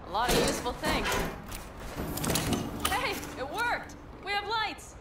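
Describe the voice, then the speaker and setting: A woman's voice: medium pitch, expressive, moderate pace, very noisy, lightly acted. A woman playing a blunt, foul-mouthed nomad woman. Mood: wry. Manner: blunt, swearing, teasing. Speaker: nomad fighter and driver. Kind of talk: video game dialogue. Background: game music.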